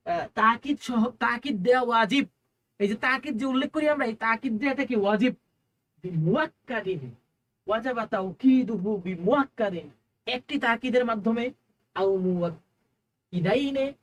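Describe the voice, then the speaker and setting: A woman teacher gives an exam-prep lecture in a fairly high voice. She asks her own questions and then answers them, and she draws out each recited phrase slowly before explaining it. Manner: slows down and drawls when reciting Arabic phrases.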